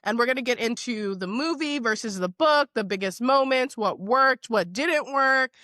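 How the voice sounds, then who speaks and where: A woman hosting a casual podcast chat, a bit hoarse, talking in a chatty, upbeat way with lots of fillers. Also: a little high, moderate pace, fairly bright tone, no echo, clean studio sound. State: hoarse, under the weather. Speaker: podcast host.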